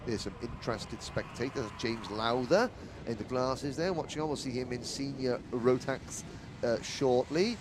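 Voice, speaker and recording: At a moderate pace and medium pitch, a man commentates live on motorsport, drifting into chatty, jokey, rambling asides. He's recorded trackside outdoors, with engine noise clearly audible.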